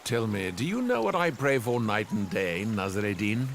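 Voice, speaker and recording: An actor dubbing a calm, dry-witted male emir in a historical drama. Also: on the low side, normal speed, a little hiss or hum. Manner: dry, pointed. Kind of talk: English dub of a historical drama.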